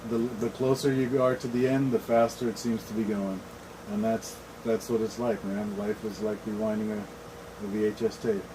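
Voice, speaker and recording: A man's voice: fairly low pitch, normal speed. A middle-aged man bantering casually as a show host, blunt, opinionated and freely swearing. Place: shed. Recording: clear steady air-conditioner noise.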